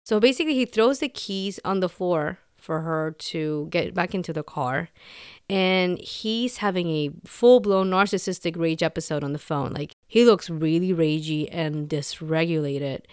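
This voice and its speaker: Candid woman podcaster, smooth dry voice. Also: lowish voice, unhurried, no echo. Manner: candid, animated, quotes dialogue in little acted bits. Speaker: podcast host. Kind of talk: casual commentary.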